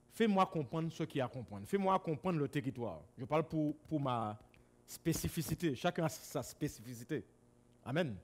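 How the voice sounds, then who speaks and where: In a church hall, a man from Guadeloupe preaches to his congregation, swinging between loud exclamations and quiet asides, captured on a camera's microphone.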